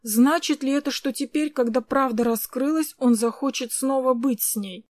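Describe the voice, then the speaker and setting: Woman audiobook narrator, slightly high, dry close recording. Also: moderate pace, a little mellow, dry recording. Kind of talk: first-person audiobook narration.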